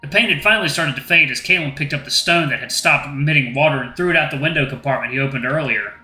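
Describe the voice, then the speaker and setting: A man hosting a gaming channel reads a visual novel aloud, tossing casual asides to viewers. His voice is fairly high, fast and sharp, recorded in an echoey room with faint music.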